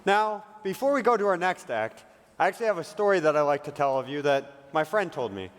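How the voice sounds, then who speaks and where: A man's voice: a little high, animated, fairly quick. A man hosting a live variety show as emcee, telling a joke in a playful way on stage in a large hall. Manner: playful, joking storyteller. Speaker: master of ceremonies. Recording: reverberant hall.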